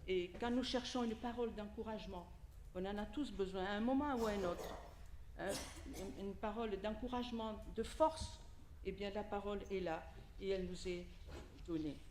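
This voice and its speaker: This native Italian speaker from Italy preaches informally as a lay preacher during a church hall service, addressing the congregation directly with questions and asides. Her mid-range, darkish voice moves at normal speed, reverberant and with a little hiss or hum.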